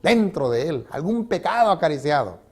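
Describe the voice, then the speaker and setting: Male pastor quoting a distressed elderly woman, about seventy, pleading through tears, voice pitched up. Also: big pitch swings, normal speed, breathy edge. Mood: troubled. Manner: pleading, tearful retelling.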